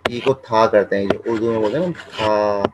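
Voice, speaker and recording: A man teaching Chinese pronunciation, repeating each sound several times and explaining in a relaxed, conversational way. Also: on the low side, background noise. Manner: drills each sound slowly, repeating syllables. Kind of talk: classroom-style language lesson.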